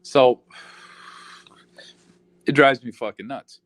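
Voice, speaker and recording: A man's voice: medium pitch, fairly even intonation, slow, no room sound. A man ranting in casual talk, profane and rambling, full of fillers like "you know".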